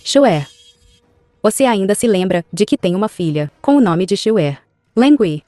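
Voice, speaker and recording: Uma atriz de dublagem com sotaque português europeu dando voz a uma mãe nobre e feroz, acusadora e suplicante. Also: female voice, medium pitch, lively intonation, unhurried, warm tone, no echo, studio quality, lightly acted. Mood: anguished. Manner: accusing, then desperate pleading. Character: grieving mother, noble general's wife, fierce. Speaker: dubbing actress.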